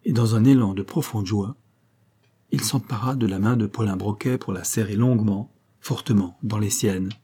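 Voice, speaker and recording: A man narrating a detective novel audiobook in a steady, even storytelling manner. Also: fairly low pitch, normal speed, breathy edge.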